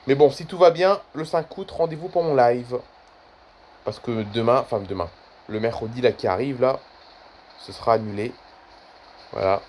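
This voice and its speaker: A man's voice: mid-range voice, moderate pace, long pauses, darkish tone, a little hiss or hum. A man in his twenties chatting casually in a vlog, rambling and repeating himself often. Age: 20s. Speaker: YouTuber.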